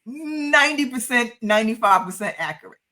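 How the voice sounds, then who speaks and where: Brief: woman co-host with a New York accent, playful and repetitive, crisp sharp tone. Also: a little high, lively intonation, a little fast. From Harlem, New York. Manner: playful, repeats phrases for effect. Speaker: podcast co-host. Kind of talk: casual podcast banter.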